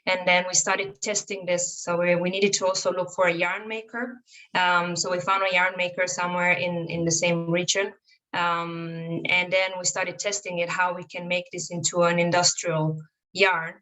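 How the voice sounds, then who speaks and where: A woman's voice: fairly low pitch, flat delivery, moderate pace, bright, forceful tone, poor audio. A woman giving an online presentation with slides, speaking hesitantly with many fillers. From Romania. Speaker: guest speaker, fashion brand founder.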